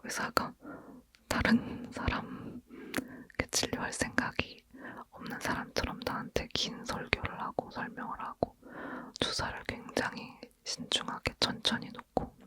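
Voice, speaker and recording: Someone leaning in to whisper an intimate, hushed ASMR chat, speaking informally as if to a friend. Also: a little slow. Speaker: ASMR host.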